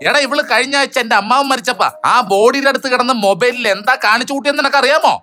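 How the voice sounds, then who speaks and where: Man doing a high, bright-voiced jealous husband, sarcastic scolding rants, comedy skit. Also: fast. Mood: angry. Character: hot-tempered jealous middle-aged husband.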